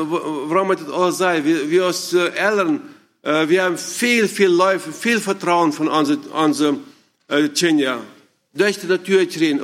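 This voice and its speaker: Addressing parents informally, a man speaks in a slightly raised, high-sitting voice with a fairly bright tone. His delivery is halting, full of restarts and pauses to find the right word. He repeatedly puts questions to his audience.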